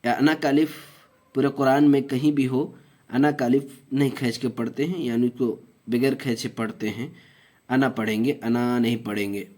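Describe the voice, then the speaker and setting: A man teaching Quran recitation step by step, explaining each rule slowly, then chanting the verses long and drawn out. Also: mid-range voice, steady tone, darkish tone.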